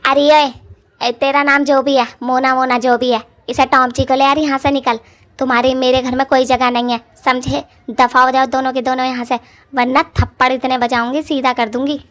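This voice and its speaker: A harsh, hostile sister-in-law from a cartoon, put on by a woman. She talks high and loud, snapping out threats, with contempt in every line. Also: animated, moderate pace, no echo. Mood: threatening.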